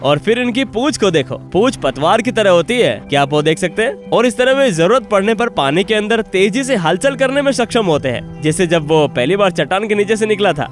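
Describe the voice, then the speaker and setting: A man presenting an outdoor wildlife show in an excited, explaining way, exclaiming often. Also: sits high. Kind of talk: Hindi dub of an outdoor wildlife vlog.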